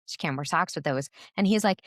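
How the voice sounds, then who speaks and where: A woman's voice: low voice, fairly quick, dry recording, clean studio sound. A woman co-hosting a podcast, telling a long story in casual chat with lots of fillers and restarts. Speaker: podcast co-host.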